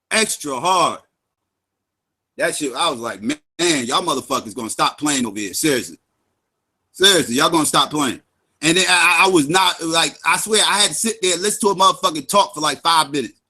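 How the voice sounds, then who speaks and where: A man's voice: fairly high pitch, bright, forceful tone. Heated, profane man ranting. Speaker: livestream commentator. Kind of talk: angry ranting commentary.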